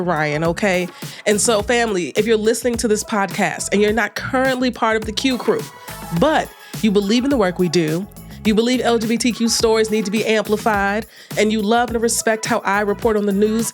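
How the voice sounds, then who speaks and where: A woman hosting a weekly news podcast with a stuffed-up, congested voice, talking straight to her listeners and often calling them family. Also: mid-range voice. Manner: warm direct address, says "family" and "okay". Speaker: podcast host.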